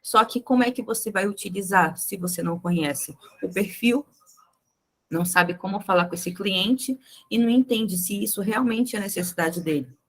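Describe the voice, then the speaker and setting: A woman's voice: medium pitch, normal speed, a bit bright. A young adult woman leading a live sales training, chatty and speaking straight to the group with frequent tag questions.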